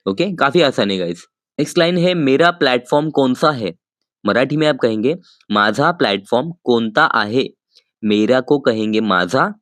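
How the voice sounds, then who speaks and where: A man's voice: medium pitch, dry recording. Patient man teaching phrases, dry close sound. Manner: patient, repeats each sentence slowly and addresses viewers as "guys". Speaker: language teacher. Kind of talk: explaining vocabulary in a lesson.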